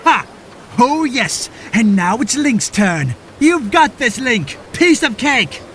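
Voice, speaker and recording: A man's voice: very high voice, big pitch swings, slow, a bit bright, a little hiss or hum, full character voice. A man voicing a jolly, exuberant young fish-folk prince with theatrical exclamations in a fantasy audio drama. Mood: elated.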